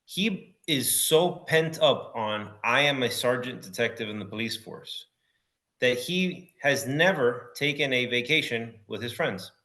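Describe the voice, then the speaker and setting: A man's voice: medium pitch, a little slow. A middle-aged man, a podcast guest, telling stories in casual chat, acting out quotes and calling the listener bro or dude. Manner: animated storyteller, acts out quotes, says bro and dude.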